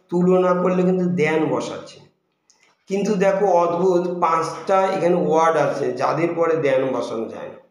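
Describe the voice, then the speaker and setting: Bengali guy teaching english grammar, slow and patient, lots of echo. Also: on the high side. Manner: explains patiently, repeats examples slowly. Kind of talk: classroom grammar lesson. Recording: very echoey room.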